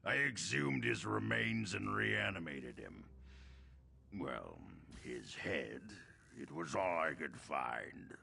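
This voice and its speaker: An actor playing a smug, menacing necromancer in a video game, with a gravelly, theatrical, drawn-out delivery. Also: male voice, deep voice, very animated, sharp tone, full character voice. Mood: sinister, boastful. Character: sinister, smug necromancer, servant of a queen. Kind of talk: video game character acting.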